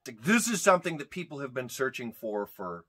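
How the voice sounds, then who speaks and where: Animated, ranting American man reviewing movies. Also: mid-range voice, brisk. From United States. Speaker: podcast co-host. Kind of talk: casual movie review chat.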